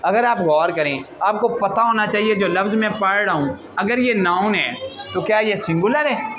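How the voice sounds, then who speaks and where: Lecturing on English at normal speed, this man has a high, animated voice and a noticeable accent. He calls his students "beta" and keeps quizzing them. Crowd chatter fills the recording of the school classroom.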